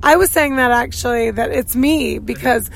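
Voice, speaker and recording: A woman's voice: fairly high pitch, moderate pace, vocal fry. A woman chatting and laughing animatedly as a passenger in a car. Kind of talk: casual chat. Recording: car with road noise.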